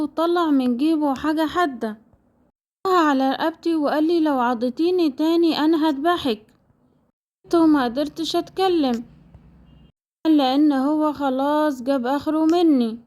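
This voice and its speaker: Young woman storyteller, Egyptian Arabic accent, high and mellow voice, earnest dramatic first-person narration.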